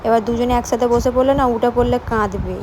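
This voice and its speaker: A woman's voice: on the high side, fast talker, noisy background. A young woman with a West Bengal Bengali accent, chatting casually to her viewers in a home vlog. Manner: chatty, addresses viewers directly. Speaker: vlogger.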